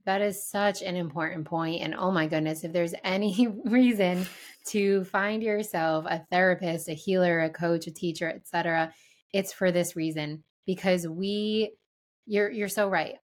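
Woman, energy-healer co-host, lowish voice, giggly, spiritual, conversational. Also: fairly even intonation, normal speed. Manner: laughs often, spiritual wording. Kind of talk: casual podcast chat.

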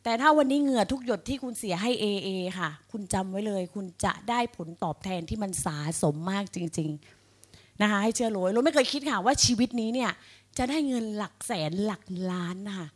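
An energetic middle-aged woman speaks to a live room of sales agents in a rallying pep-talk style. She keeps throwing questions at the crowd and drives her points home with conviction. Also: mid-range voice, a little fast. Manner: energetic, rallying, addresses audience directly with questions. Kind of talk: motivational speech to a live audience.

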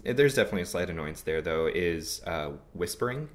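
A man talking in a relaxed, rambling way, with lots of filler words. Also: low voice, a little fast. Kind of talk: casual conversation.

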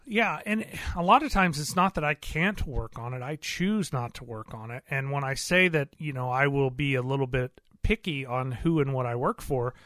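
Bright-voiced earnest shop owner man. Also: medium pitch, expressive, moderate pace, few pauses, no room sound, studio quality. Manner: earnest, plain-spoken, rambling with fillers. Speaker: auto repair shop owner. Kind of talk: casual interview talk.

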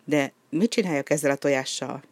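A reader doing a gentle, sensible penguin. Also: mid-range voice, dry recording, close to an everyday voice. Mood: earnest, mild. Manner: mild, careful and earnest.

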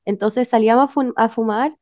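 A woman's voice: fairly high pitch, fairly even intonation, fairly quick, a little mellow, no echo. A young woman with a Chilean Spanish accent telling a story over a video call, casual and full of slang and fillers. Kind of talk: casual chat among friends. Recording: muffled lo-fi sound.

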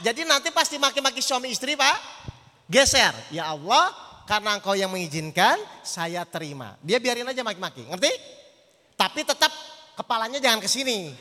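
Male preacher with a very high, piercing voice, animated sermon, long hall reverb. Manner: animated, questions the audience often. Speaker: Islamic preacher (ustadz). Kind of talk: sermon with storytelling. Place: hall with an audience.

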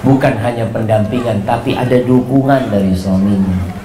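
A man preaching a sermon in an animated way, swinging his pitch and volume for emphasis. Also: moderate pace, echoey room, noisy background.

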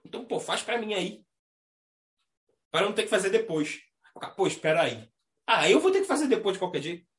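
A man with a Brazilian Portuguese accent hosting a casual astrology chat, talking in a slangy, animated way and mimicking the people he describes. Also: sits high, quick pace. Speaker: astrology talk host. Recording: echoey room.

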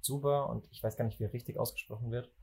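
Young male podcast host from Germany; husky, opinionated, animated casual football talk. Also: mid-range voice, fast talker. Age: young adult. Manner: opinionated, lively, animated when making a point.

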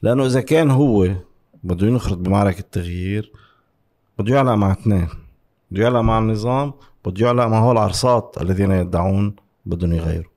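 Fast-talking, argumentative Lebanese man. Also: fairly low pitch, darkish tone. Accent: Lebanese Arabic. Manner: argumentative, interrupting, repeats words emphatically, asks rhetorical questions. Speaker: interview guest giving political commentary. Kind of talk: heated conversational political debate.

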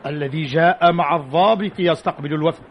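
A man acting a calm, wry Carthaginian commander in an old radio show, with a fairly high male voice and measured formal delivery. The recording is muffled with hiss behind it. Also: close to an everyday voice. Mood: calm, commanding.

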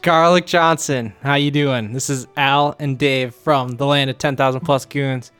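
A man's voice: medium pitch, fairly even intonation, measured pace, fairly bright tone, clean tone, soft background music. A man co-hosting a comedy podcast, dry and teasing in casual chat. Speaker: podcast co-host.

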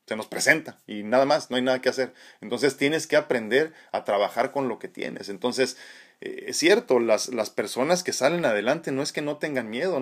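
A man hosting a live stream, reading viewer comments and talking reflectively about faith, with frequent tag questions and restarts. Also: mid-range voice. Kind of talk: casual spiritual live chat. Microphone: phone.

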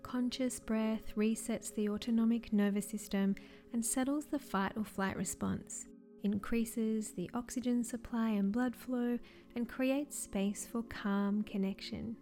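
A woman with a fairly high, mellow voice delivers scripted wellness guidance. Her delivery is soft, soothing and measured, like a guided relaxation, with faint music underneath. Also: steady tone. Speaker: wellness coach.

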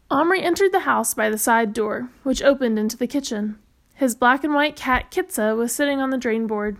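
A woman reading a children's novel aloud, chapter by chapter, in a steady, unhurried storytelling manner. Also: a little high. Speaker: reader.

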